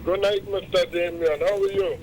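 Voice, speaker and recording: Faint caller, phone held far away. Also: male voice, high voice, steady tone, moderate pace, a little mellow, a little hiss or hum. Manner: friendly, praising, offhand. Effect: phone held away from the mouth, voice faint and distant. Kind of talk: call-in chat on a radio show.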